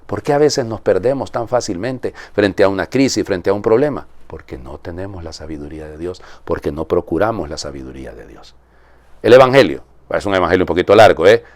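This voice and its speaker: This priest reads the Gospel and then preaches a chatty homily, peppering it with rhetorical tag questions. His voice is low with lively intonation, and he speaks fairly quickly on a dry recording.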